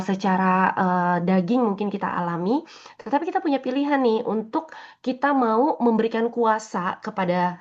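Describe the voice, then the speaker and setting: A woman's voice: mid-range voice, highs cut off. A woman giving a casual morning devotional talk, conversational and full of fillers and tag questions. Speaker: devotional speaker.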